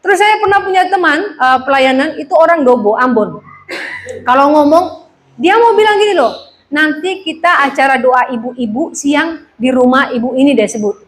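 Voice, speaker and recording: A woman pastor preaching a sermon, telling lively stories and acting out gossiping neighbours. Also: high voice, moderate pace, low-quality recording.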